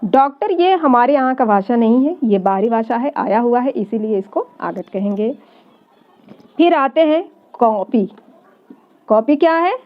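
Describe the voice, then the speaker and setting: A woman teaching grammar to children, asking the class questions and answering them herself, and repeating words slowly. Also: fairly high pitch, expressive, lo-fi sound. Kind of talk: classroom-style explanatory lesson.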